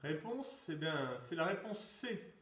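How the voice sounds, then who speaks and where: A slightly slow, animated man with a fairly high, somewhat bright voice leads his pupils through a lockdown quiz and exercise session. Reading every answer option in a teacherly way, he asks sport trivia questions and calls "top!" to launch each workout move. He sounds set back from the mic in an echoey room.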